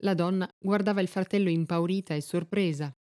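A woman reading a story aloud in a measured, even narrating voice. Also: fairly low pitch, no room sound, studio quality.

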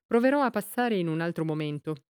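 A woman's voice: fairly low pitch, expressive, a little fast, darkish tone, clean tone, dry recording, studio quality, lightly acted. A woman doing a prim, thin-voiced old dressmaker. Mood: polite, fretful. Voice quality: thin, overly mannered voice. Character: tall thin prim older female dressmaker.

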